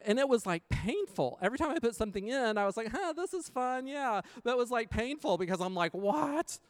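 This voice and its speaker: A man tells a personal story in a relaxed sermon style, acting out the voices of the people he quotes. His voice sits a bit high and rings clean and smooth. The sound is dry and close, with no room echo. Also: fast. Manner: animated storyteller, acts out quotes. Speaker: preacher sharing a testimony.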